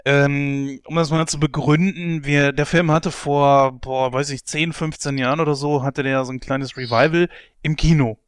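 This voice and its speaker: A man co-hosting a casual podcast, telling a story in a lively way. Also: on the high side, normal speed, clear, resonant tone, no echo, clean studio sound. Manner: storytelling, animated when amused. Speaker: podcast co-host. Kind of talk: casual podcast chat about films.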